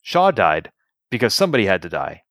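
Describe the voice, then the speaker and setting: A man's voice: on the low side, huge pitch swings, a little fast, fairly bright tone, dry recording, studio quality. A man co-hosting a podcast in casual chat, opinionated and analytical as he picks apart an episode. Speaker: podcast co-host.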